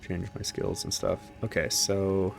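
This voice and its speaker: A man's voice: low-pitched, level tone, measured pace, vocal fry, faint music behind. A man streaming a video game, thinking aloud in casual, hesitant commentary.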